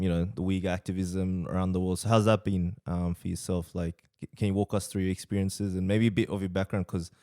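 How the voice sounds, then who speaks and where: A man hosting a casual interview, relaxed and hesitant with many ums. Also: low voice, no room sound, studio quality. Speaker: podcast host.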